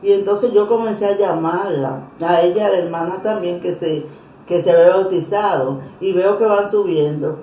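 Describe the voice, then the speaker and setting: A woman telling her personal religious testimony in an interview, earnest and emotional, pausing and restarting often. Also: lowish voice, warm tone, a little hiss or hum. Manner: earnest, emotional storytelling with many pauses and restarts. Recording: roomy echo.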